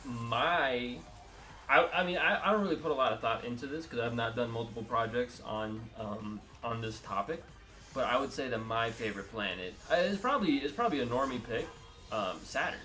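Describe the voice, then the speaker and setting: Man co-host from Costa Rica, lively bright delivery, sarcastic jokes during gameplay. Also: medium pitch, fairly quick, faint music behind. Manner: joking, sarcastic, laughs often. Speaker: co-host playing a video game. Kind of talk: casual couple chat while gaming.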